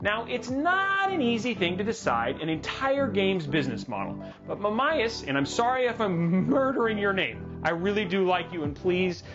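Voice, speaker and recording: A man hosting a livestreamed tech news show, animated and jokey, with dramatic asides. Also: high-pitched, moderate pace, hardly any pauses, lo-fi sound. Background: music playing under the voice.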